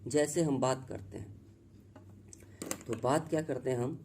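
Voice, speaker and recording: A man teaching a spoken English grammar lesson in Hindi. He talks slowly and repeats himself, spells words out letter by letter, and keeps checking in with the class. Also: mid-range voice, fairly even intonation, a little mellow, a little hiss or hum.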